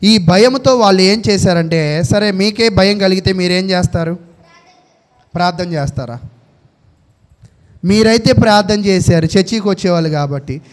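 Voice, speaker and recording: High-voiced man preaching a sermon. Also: moderate pace, long pauses. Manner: asks questions and answers them himself; reads out Bible verses.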